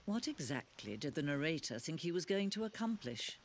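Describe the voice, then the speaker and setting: A voice actor playing a calm, reflective game narrator who asks questions. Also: medium pitch, fairly quick, a little hiss or hum.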